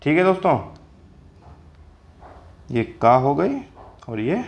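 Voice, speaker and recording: Slow-paced male Hindi grammar teacher. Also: fairly high pitch, big pitch swings, vocal fry. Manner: explains step by step, repeats definitions, addresses viewers as friends. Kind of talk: slow spoken classroom lesson.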